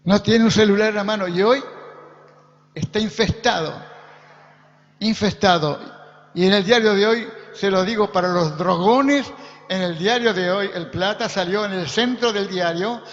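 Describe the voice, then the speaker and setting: A man's voice: high-pitched, normal speed, long reverb tail, muffled recording. A man preaching a sermon as pastor, building emphatic repeated phrases. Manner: preaching with rising emphatic repetition.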